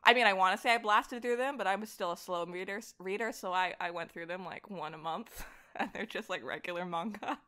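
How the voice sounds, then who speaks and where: Bright and forceful, her mid-range voice moves a little fast. The young woman, a voice actor and director guesting on a podcast, relays personal anecdotes casually while acting out what people said.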